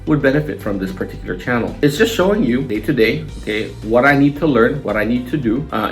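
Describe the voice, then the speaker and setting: A man in his fifties, a small business owner, talking casually and earnestly to camera in his vlog, rambling a little with restarts. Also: medium pitch. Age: 50s.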